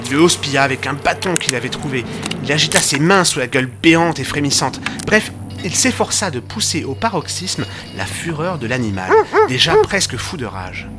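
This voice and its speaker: An actor voicing Doctor Watson, who narrates a period mystery audio drama with lively, rising and falling intonation and a slightly raised pitch. He builds the tension line by line. Music plays clearly underneath. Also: moderate pace.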